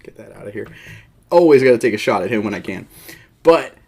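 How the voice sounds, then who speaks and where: A man's voice: fairly low pitch, lively intonation, fairly quick, darkish tone, breathy edge. A man hosting his own MMA show, talking off the cuff in a rambling, self-deprecating way with joking asides. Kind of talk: unscripted casual commentary.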